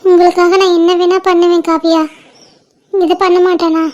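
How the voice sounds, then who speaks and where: A woman voicing a gentle, resigned young woman about to be married, soft-spoken and tender in an amateur audio drama. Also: very high-pitched, level tone, normal speed, dull audio. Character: sorrowful young bride-to-be, gentle elder sister. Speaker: elder sister.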